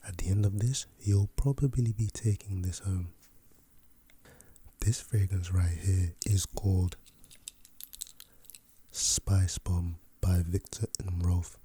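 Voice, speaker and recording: A man playing a laid-back, chatty fragrance salesman in a soft, breathy ASMR role-play for ASMR, with an unhurried, casual patter. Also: deep voice, fairly even intonation, full character voice.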